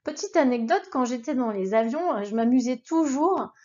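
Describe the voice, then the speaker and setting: In a muffled recording, an expressive, mellow, high-pitched woman speaks at normal speed while coaching a beginner language learner. She uses repeat-after-me drills, stays patient, cheers the listener on, and keeps her address informal.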